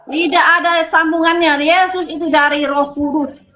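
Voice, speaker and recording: A woman's voice: high-pitched, steady tone, moderate pace, sharp tone, roomy sound. A woman arguing in a heated online debate, defiant and talking over the other speaker. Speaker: church leader in debate.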